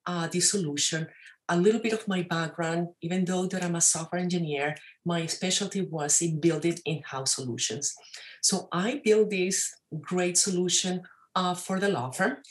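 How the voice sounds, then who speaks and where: A Venezuelan-accented woman in her forties, speaking in a slightly low voice over a webcam from an office. She talks in a lively, gesturing way, full of fillers and questions tacked on at the end of her sentences. It is an easygoing interview with no script. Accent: Venezuelan Spanish. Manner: animated, gestures a lot, many tag questions and fillers. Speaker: guest entrepreneur. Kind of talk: casual interview talk. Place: wood-panelled office, indoors. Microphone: webcam on a video call.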